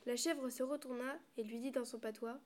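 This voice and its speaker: A woman reads a storybook aloud at a steady pace, stumbling and restarting now and then. Her voice sits a little high. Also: moderate pace. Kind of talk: storybook reading.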